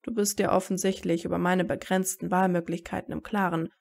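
A woman's voice: lowish voice, flat delivery, fairly quick, vocal fry, a little mellow. A woman voicing a guarded teenage wizard boy who answers in clipped, wary retorts in a fan audiobook. Her own reading voice carries him. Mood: wary, bitter.

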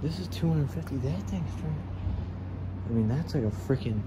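This young vlogger speaks to his audience in a relaxed, slangy way, musing aloud and swearing lightly. His voice sits on the high side with lively intonation and a moderate pace. Clear background noise comes through in the handheld footage.

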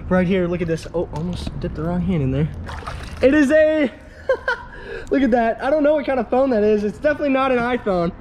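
A young man hosts an outdoor vlog, excitable and quick to laugh. His voice sits very high. He films on an action camera beside a road, and clear traffic noise runs behind him. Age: young adult. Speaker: host. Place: outdoors by a busy road and bridge. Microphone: action camera, chest mount or held at arm's length.

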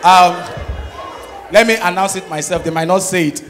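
A Nigerian man doing stand-up on stage, his voice sitting high for a man. He tells his stories with animated energy and slips into pidgin and acted voices as he goes. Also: moderate pace. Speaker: stand-up comedian. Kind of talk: stand-up comedy set. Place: live comedy stage with audience.

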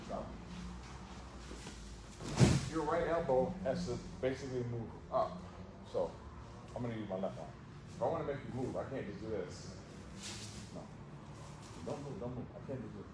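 A man's voice: medium pitch, animated, moderate pace, long pauses. A man coaching judo in a large gym, calling short commands and repeating cues. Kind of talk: hands-on coaching. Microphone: camera on the floor. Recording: echoey gym with background noise.

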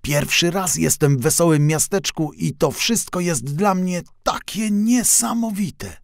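A man voicing a curious, excitable young male mail van in a children's audio story, speaking in lively, wide-eyed chatter. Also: high voice, unhurried, dry recording, studio quality, pitched above the performer's own voice, heavily acted. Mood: excited.

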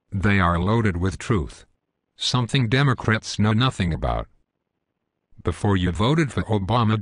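A man's voice: on the low side, no echo, clean studio sound. A synthetic male voice playing a smug, belligerent parody news anchor in a scripted cartoon newscast, stiff and pompous.

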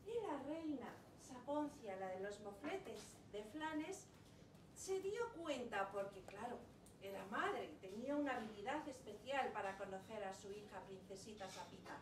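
A woman from Spain telling a children's story aloud to a live audience in an expressive, playful way. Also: mid-range voice, unhurried. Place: event venue indoors. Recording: echoey room, distant mic, ambient noise.

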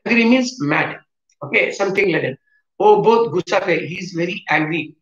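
A man, teaching vocabulary in a slow, repetitive way and switching into Hindi to explain. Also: sits high, expressive, a bit bright. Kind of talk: classroom lesson on vocabulary. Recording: echoey room, dull lo-fi sound.

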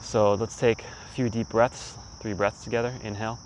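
A man's voice: lowish voice, level tone, normal speed, rough recording. A man in his thirties instructing a guided breathing exercise in short, spaced-out phrases. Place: outdoors by a leafy pond. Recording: insects and outdoor ambience, faint noise.

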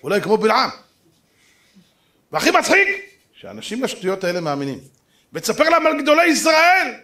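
A man giving a dramatic rabbinic sermon, telling stories and acting out the dialogue, swinging from loud exclamations to hushed asides. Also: very high voice, huge pitch swings. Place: synagogue or lecture hall.

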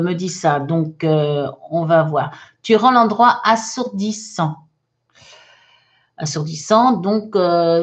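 A woman's voice: fairly low pitch, darkish tone, muffled recording. A woman teaching English in during a live online lesson, reading viewers' comments aloud with many fillers.

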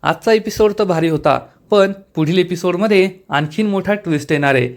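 A man's voice: high voice, brisk. A man enthusiastically narrating a recap of a TV serial episode for his viewers. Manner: enthusiastic, retelling.

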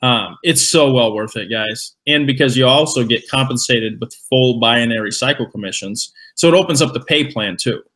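A man co-hosting a business webinar, emphatic and hyping in a casual sales pitch. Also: normal speed, hardly any pauses, a bit bright. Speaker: webinar co-host.

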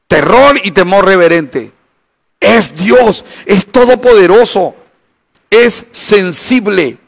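A high-voiced man preaches a Bible study. He is animated and acts out the imagined voices of his listeners. His delivery is full of rhetorical questions. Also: takes it slowly. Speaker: pastor.

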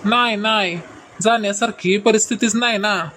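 A woman's voice: mid-range voice, steady tone, moderate pace, fairly bright tone, a little hiss or hum, lightly acted. A woman playing a sheepish, stammering husband. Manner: hesitant, stammering, placating. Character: bumbling middle-aged husband, sheepish and evasive. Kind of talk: comic skit acting.

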